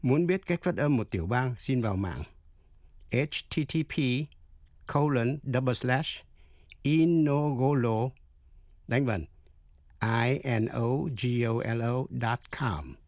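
A man's voice: mid-range voice, lively intonation, slow pace, darkish tone, no echo, clean studio sound. A man teaching an English lesson on the radio, explaining pronunciation carefully and spelling words out letter by letter.

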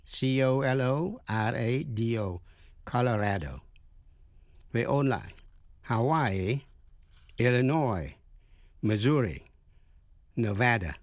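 Guy teaching english on the radio, real slow, spells stuff out letter by letter, dry close sound. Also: medium pitch, a little mellow, no echo. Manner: deliberate, spells words letter by letter. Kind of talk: radio language lesson.

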